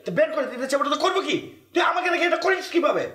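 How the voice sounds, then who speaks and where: A man's voice: very high-pitched, rapid-fire, sharp tone. An actor playing an indignant older brother in a TV drama, scolding and lecturing his sibling. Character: older brother, young adult man, indignant and bossy. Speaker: elder brother. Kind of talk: Bangla TV drama acting.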